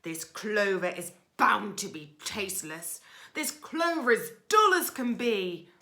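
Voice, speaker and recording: Bellowing rat bandit played by a woman, boastful, greedy, rude, bright forceful tone, children's storybook villain. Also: medium pitch, lively intonation, slow, full character voice. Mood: bullying, boastful. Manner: loud, bellowing, theatrical commands.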